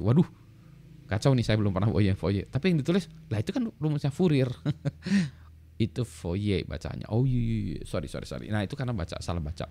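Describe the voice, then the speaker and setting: A middle-aged man with a fairly low voice, talking casually to camera in a solo video. He rambles and often laughs at himself, and he spells words out letter by letter. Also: darkish tone. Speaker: lecturer in electrical engineering.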